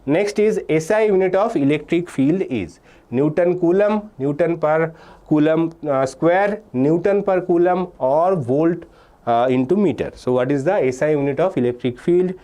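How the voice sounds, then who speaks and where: A young Indian man with a fairly high, warm voice speaks at normal speed while teaching a live online physics exam-prep class. He explains step by step, reads out students' names and answers from the chat, and repeats key points between "uh"s and "okay"s.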